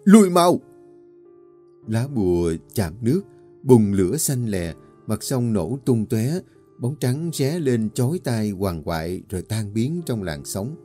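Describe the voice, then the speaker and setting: Low-voiced storyteller. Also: male voice, animated, a little slow, dark tone, soft background music. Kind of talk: scripted horror story narration.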